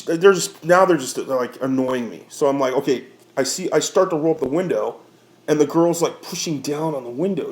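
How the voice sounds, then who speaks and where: A man's voice: fairly high pitch, a little mellow. A man working as a rideshare driver, telling a story in a profane, heated rant full of sighs and restarts. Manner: rambling with many restarts.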